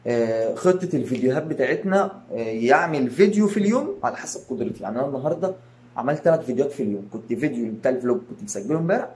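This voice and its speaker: Brief: Egyptian YouTuber, male, quick and rambling casual update, lots of fillers. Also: medium pitch, expressive, darkish tone. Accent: Egyptian Arabic. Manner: rambling, many fillers and restarts. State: tired. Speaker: YouTube channel host. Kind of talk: casual channel update to viewers.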